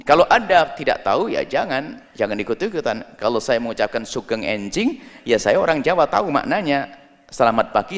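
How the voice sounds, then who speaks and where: A man preaching a sermon, explaining a religious ruling point by point with animated emphasis. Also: fairly high pitch. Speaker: Islamic preacher. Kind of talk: sermon answering a question. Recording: long hall reverb.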